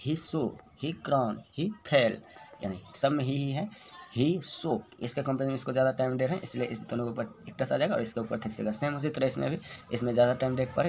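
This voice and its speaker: A man's voice: on the low side, darkish tone, a little hiss or hum. Man patiently explaining a classroom lesson. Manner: patient, step-by-step, repeats words to show pronunciation. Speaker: teacher.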